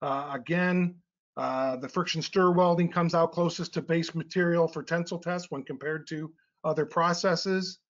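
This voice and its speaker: Man presenting technical slides, fairly high voice. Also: steady tone, normal speed. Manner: explanatory, frequent "uh" and "um" fillers. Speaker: webinar presenter. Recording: slightly dull lo-fi webinar audio.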